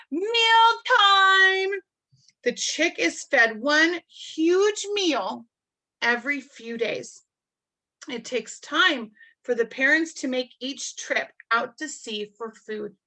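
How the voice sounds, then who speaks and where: A woman reading a picture book aloud to children, marveling in a gentle, teacherly way and adding chatty asides to explain things. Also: high voice, poor audio. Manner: adds chatty explanatory asides between passages.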